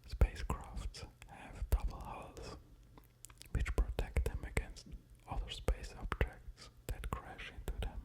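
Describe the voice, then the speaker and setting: Slow and hesitant, a man muses with side remarks in a soft unvoiced whisper for ASMR. He is close to an ear-to-ear stereo microphone.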